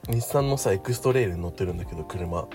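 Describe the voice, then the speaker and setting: A man's voice: sits low, lively intonation, quick pace, a little mellow. A man co-hosting a radio show in casual chat, telling things in an informal, hesitant way with plenty of filler words. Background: background music.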